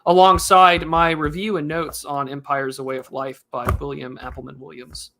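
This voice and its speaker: A man's voice: on the high side, level tone, normal speed, bright, forceful tone, a little hiss or hum. A man co-hosting a casual live stream chat, rambling and joking with lots of fillers and restarts. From United States. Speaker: podcast co-host.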